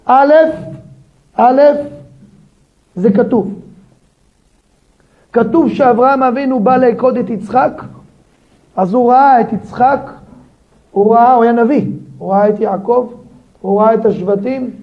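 A rabbi teaching a daily Torah lesson, his voice high-pitched and full of gravelly fry. He talks in a lively way and keeps throwing pointed rhetorical questions at his listeners. The recording sounds dull and lo-fi. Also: long pauses.

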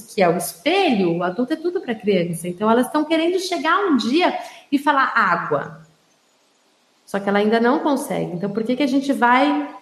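A woman's voice: on the high side, roomy sound. A Brazilian woman educator talking through child development in her home office, explaining things and checking in with tag questions. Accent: Brazilian Portuguese. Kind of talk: informal teaching talk to an audience.

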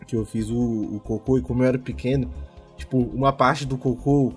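A man's voice: medium pitch, fairly even intonation, a little fast, faint music behind. A young man with a Brazilian Portuguese accent, telling personal stories in a slangy, jokey, rambling chat among friends. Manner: slangy, jokey, rambling with frequent tag questions.

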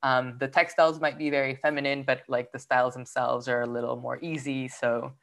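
A young woman from Peru talks about her fashion label in a relaxed, easygoing interview. Her voice sits very low for a woman, and she fills her sentences with "like" and "um" as she thinks aloud. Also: brisk. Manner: relaxed, filler-heavy, lots of "like" and "um". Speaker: fashion brand founder. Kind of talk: casual interview chat.

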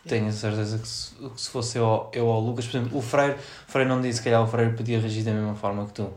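A man's voice: on the low side, steady tone, fast talker, darkish tone, roomy sound. A young man with a European Portuguese accent in casual conversation. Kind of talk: casual chat.

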